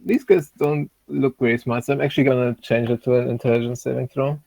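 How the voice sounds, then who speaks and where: A man playing a tabletop game, talking casually and thinking out loud about the rules. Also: mid-range voice, steady tone, quick pace, vocal fry, no room sound. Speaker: player.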